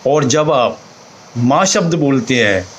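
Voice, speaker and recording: Slow-talking man explaining chanting. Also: medium pitch, lively intonation, a little hiss or hum, rough recording. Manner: slow, demonstrates sounds aloud. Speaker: teacher.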